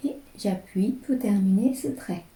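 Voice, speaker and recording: Woman slowly walking thru brush strokes, soft mellow voice, echoey room. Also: medium pitch. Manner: slow, calm, describing each stroke as she writes. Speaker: calligraphy teacher. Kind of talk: step-by-step brush lesson.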